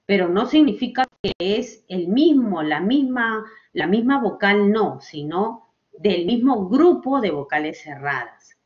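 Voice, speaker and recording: A woman's voice: mid-range voice, sing-song, measured pace. A woman teacher gives a children's language lesson, stretching out example words and often checking with "ok?". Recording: dull lo-fi recording.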